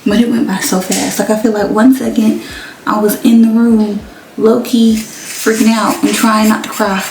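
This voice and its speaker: A woman's voice: a little high, little pitch movement, moderate pace, darkish tone, slight background noise. A young woman chatting casually to her viewers, full of slang, talking straight to the camera. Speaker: vlogger. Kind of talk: casual chat. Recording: echoey room, mic at a distance.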